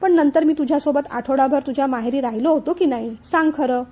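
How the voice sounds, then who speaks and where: A woman's voice: high voice, fast talker, mellow, close to an everyday voice. A woman reading a flustered, placating father-in-law. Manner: hesitant, placating.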